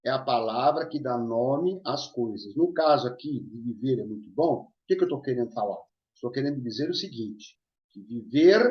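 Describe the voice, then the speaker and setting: In this online grammar lesson, a Portuguese teacher speaks in a medium-pitched, slightly mellow voice, pausing regularly to make sure his students are keeping up. Audio is muffled and lo-fi, captured in an echoey room.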